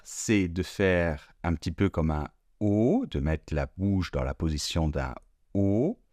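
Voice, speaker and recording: A man teaching French pronunciation slowly and deliberately, drawing out sounds and repeating each word. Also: deep voice, a little mellow, no echo, studio quality. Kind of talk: slow, careful pronunciation lesson.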